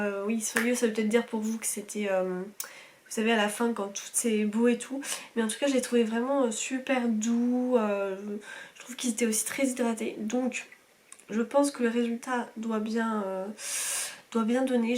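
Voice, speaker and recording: A woman in her twenties from France, tired, chatting casually in a home vlog with lots of fillers and restarts. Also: on the high side. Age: 20s. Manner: rambling, many fillers and restarts. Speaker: vlogger.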